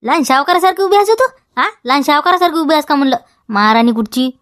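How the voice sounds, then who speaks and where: Here a woman voices a nagging village farmer guarding his field, using a Vidarbha Marathi accent for a comedy sketch. She speaks high-pitched, animated, and fast, slightly bright, in a dry studio-quality recording. The mood is accusing as she repeats demands and keeps ending lines with "हा?".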